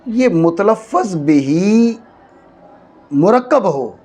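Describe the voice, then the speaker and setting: High-voiced man teaching a class. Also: lively intonation, a little mellow. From Pakistan. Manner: checks understanding, repeats phrases slowly for stress. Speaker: teacher of Arabic grammar. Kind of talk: classroom lecture. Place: madrasa classroom.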